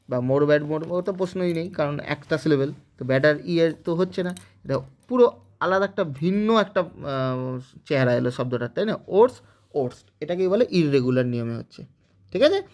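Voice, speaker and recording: A man's voice: on the high side, a little mellow. A man teaching English grammar in Bengali with a West Bengal accent, explaining step by step and checking in with students. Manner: explains step by step with frequent "okay?" check-ins. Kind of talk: spoken grammar lesson.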